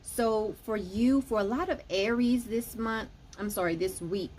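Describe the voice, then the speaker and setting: A woman's voice: a little high, unhurried, darkish tone. Woman, tarot and astrology reader, casual explanatory talk, keeps saying okay, faint room hum. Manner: explanatory, often says "okay" between points. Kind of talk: casual weekly forecast talk.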